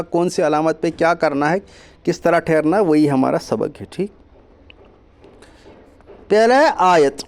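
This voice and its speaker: A man teaching Quran reading in an online lesson, explaining patiently and drawing out letter names slowly. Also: high-pitched, a little mellow. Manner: mixes English words into his explanations.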